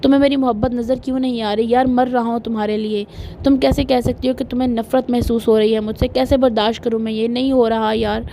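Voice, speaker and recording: A woman reading the lines of a devoted young husband who coaxes and apologizes earnestly, in her own fairly high voice. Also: steady tone, warm tone, slight background noise, lightly acted. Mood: longing, hesitant. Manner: coaxing, earnest.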